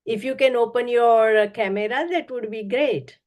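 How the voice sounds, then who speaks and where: A woman's voice: on the high side, normal speed, darkish tone. Woman host, online meeting, polite and thankful, loose with fillers. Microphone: video call.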